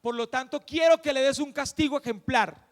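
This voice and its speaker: A man's voice: extremely high pitch, normal speed, big-room sound. A man doing a pushy, stubborn donkey. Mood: pleading. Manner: insistent, repeats himself. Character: stubborn boastful male donkey.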